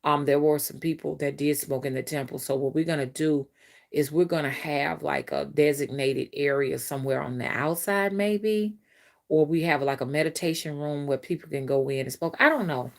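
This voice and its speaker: A low, creaky female voice at a moderate pace belongs to a woman hosting a laid-back spiritual phone live stream. She meanders and repeats things, speaking to her viewers directly and reading what they comment.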